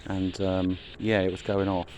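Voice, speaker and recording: Low-voiced man rambling outdoors over background noise. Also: monotone, a little mellow. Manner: musing, halting, trailing off mid-thought. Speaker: paranormal investigator filming a vlog. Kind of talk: casual rambling vlog chat. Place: outdoors in a cemetery, walking around. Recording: noisy outdoor ambience, traffic rumble.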